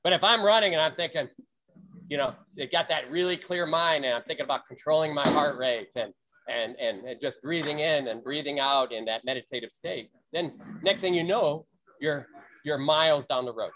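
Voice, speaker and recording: A man coaching a virtual sword-fighting practice on a video call, explaining and demonstrating with sharp bursts of breath. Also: fairly high pitch, moderate pace, a little hiss or hum.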